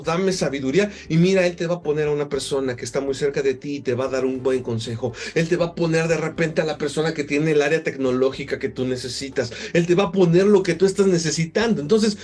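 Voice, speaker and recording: A man preaching a sermon as a pastor, animated and rising on key phrases. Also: on the high side, fairly quick, few pauses, soft background music.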